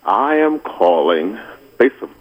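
Deep-voiced Brooklyn man calling in, slightly husky. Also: sing-song, normal speed, narrow, tinny audio. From Brooklyn, New York. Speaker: radio show caller. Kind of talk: casual call-in conversation.

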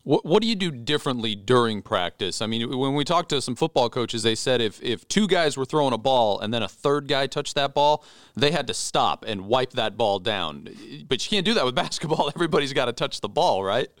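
American male sports co-host, smooth clean voice, dry close sound, conversational delivery. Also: medium pitch, lively intonation, a little fast, a bit bright, no room sound. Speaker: sports podcast co-host and interviewer. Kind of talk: casual sports talk and interviewing.

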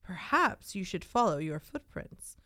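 A woman voicing a wise, helpful owl in a storybook reading, hooting and gently giving advice. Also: mid-range voice, big pitch swings, unhurried, dry recording, studio quality. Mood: kindly.

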